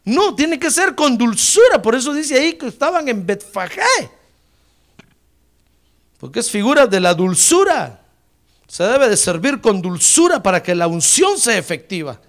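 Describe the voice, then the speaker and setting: A male pastor delivering a sermon in a high voice that leaps up and down constantly. He swells into emphatic bursts, then drops almost to a murmur, calling out to his brothers in the pews. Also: sing-song, unhurried, fairly bright tone. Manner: preaching with sudden surges and drops in pitch and volume; repeatedly addresses listeners as brother.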